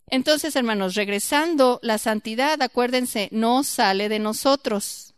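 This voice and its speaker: A woman giving a church Bible teaching, lively and questioning her group, acting out quoted voices. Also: on the high side, a little slow, smooth, dry recording, studio quality.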